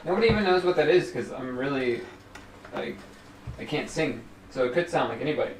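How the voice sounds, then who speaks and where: A man's voice: mid-range voice, lively intonation, fairly quick. Chatty joking guy on a stream, mic far off, echoey noisy room. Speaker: livestream co-host. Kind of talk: casual livestream chat.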